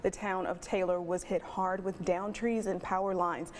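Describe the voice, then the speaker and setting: A woman news anchor reading the evening headlines in a crisp, measured newsreader manner. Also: lowish voice, fairly even intonation, slight background noise.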